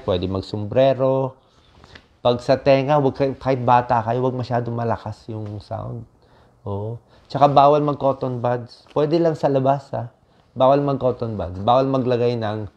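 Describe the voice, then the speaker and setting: A man's voice: medium pitch, a little mellow. A man speaks as a doctor, explaining health tips in an easy, conversational way. He keeps checking in with his listeners through short tag questions. The recording sounds a little dull and lo-fi. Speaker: doctor giving health advice. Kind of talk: casual health talk to viewers.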